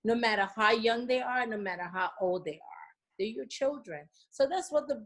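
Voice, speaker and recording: A woman's voice: on the high side, moderate pace, a bit bright. A middle-aged woman from Liberia, answering interview questions in an earnest, repetitive way, with many "you know"s. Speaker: interview guest. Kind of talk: remote interview, casual.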